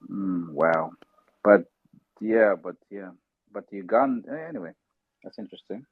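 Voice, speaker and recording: A man from South Sudan hosts a casual podcast chat over an audio call, talking loosely and chattily and acting out voices when he tells stories. His voice is low-pitched, a little slow, and slightly rough. The sound is dry and tinny like a phone line, with no room sound.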